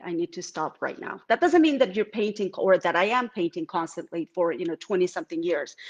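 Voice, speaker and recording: The recording is muffled as a middle-aged woman from Venezuela, with a lowish voice and Venezuelan Spanish accent, gives a live artist talk in her home art studio. She reflects aloud, often restarting and using fillers.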